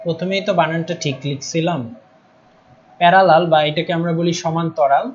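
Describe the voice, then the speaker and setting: A man's voice: on the high side, steady tone, a little fast, muffled recording. A young man with a Bangladeshi Bengali accent, teaching a live online class, patient and repeating key terms while often asking if students follow. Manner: patient, checks in often with "ঠিক আছে?"; stresses spelling and pronunciation, repeating terms.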